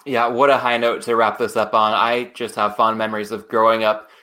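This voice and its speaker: A man's voice: lowish voice, flat delivery, a little fast, sharp tone. A man hosting a podcast interview, thanking his guest and reading a friendly outro. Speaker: podcast host.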